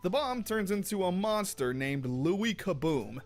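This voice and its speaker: A young man talks through an episode recap in a lively, swooping voice that sits a little high for a man. His narration is scripted and wry, with a sarcastic edge. Faint music plays under him. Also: measured pace. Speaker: host.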